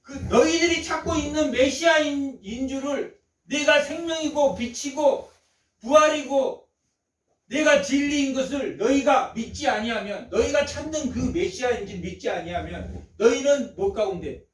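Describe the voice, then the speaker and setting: Picked up from across an echoey church sanctuary, the sound of this Sunday sermon is roomy and a bit distant. The preacher, a man with a strikingly high voice, keeps a moderate pace while repeating phrases and throwing rhetorical questions at his listeners.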